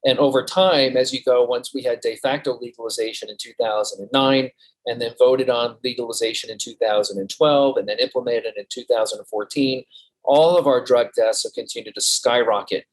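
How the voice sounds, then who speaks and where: A man's voice: medium pitch, steady tone, brisk, poor audio. A man, a physician guest in an interview, speaking steadily and listing figures methodically. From Colorado.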